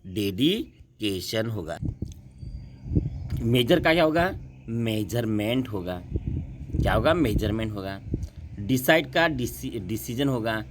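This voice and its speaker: A man teaching a class, slowly repeating words and asking and answering his own questions. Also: fairly low pitch, expressive, noisy background. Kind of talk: classroom lesson.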